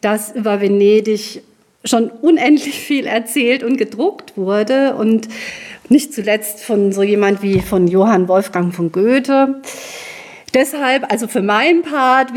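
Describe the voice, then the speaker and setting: A woman interviewer who asks elaborate, long-winded questions and addresses her guest formally. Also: fairly high pitch.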